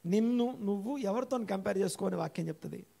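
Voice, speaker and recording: A male pastor preaching an interactive sermon in a church, repeating key phrases, quizzing his listeners and slowing down to read scripture aloud. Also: gravelly, warm tone. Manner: slows and rises in pitch when reading scripture aloud. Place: church hall.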